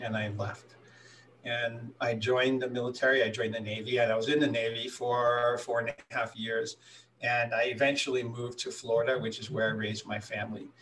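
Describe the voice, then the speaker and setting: A man in his sixties from Hawaii tells his life story as an interview guest, reflective and unhurried. His voice is of middling pitch. He sits somewhat far from the mic, with faint noise underneath. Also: vocal fry, fairly bright tone. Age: 60s. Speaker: guest healer.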